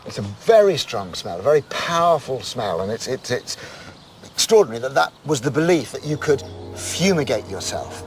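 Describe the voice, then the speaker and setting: A man presenting a documentary on location, asking curious, enthusiastic questions. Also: mid-range voice.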